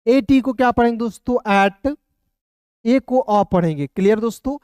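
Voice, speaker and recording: Patient man spelling words out slowly. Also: very high voice, darkish tone, no echo, clean studio sound. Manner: spells words out letter by letter, then asks and answers his own question; patient, repetitive, often says "clear" and "friends". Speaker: English teacher. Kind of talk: step-by-step spelling and pronunciation lesson.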